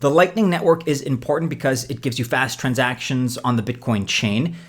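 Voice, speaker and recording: A man's voice: medium pitch, normal speed. A man hosting a scripted explainer video, speaking like a presenter with conversational, casual asides. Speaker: host of a crypto investing video.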